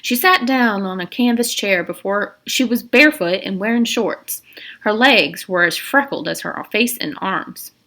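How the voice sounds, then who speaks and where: A woman reads a novel aloud in an expressive, storybook style, adding brief asides and occasionally stumbling. Her mid-range voice is animated, unhurried, pushed and bright.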